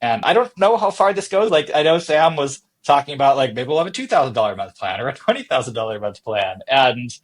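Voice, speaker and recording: Very animated and quick, with hardly any pauses, this man speaks at a medium pitch. He's a tech startup boss being interviewed on a chatty podcast, explaining his reasoning casually with examples and self-posed questions.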